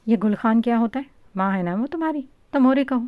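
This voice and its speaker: A woman's voice: lowish voice, steady tone, no room sound, phone-quality sound, lightly acted. Woman reading as a stern elder male cousin. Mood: scolding. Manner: firm, lecturing and scolding. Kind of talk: storybook reading.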